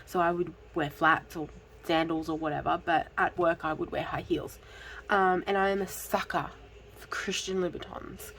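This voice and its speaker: An Australian woman hosts a budgeting channel, chatting and giggling through a casual vlog with frequent ums. Her voice sits on the low side, with fairly even intonation, a moderate pace, and a fairly bright tone. The recording is low quality, with slight background noise.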